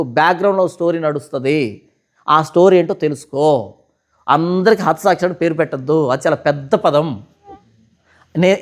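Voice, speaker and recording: A man, a pastor answering questions in a heated session. He argues forcefully and keeps throwing rhetorical questions back at his listeners. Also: fairly high pitch. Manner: argumentative, fires rhetorical questions.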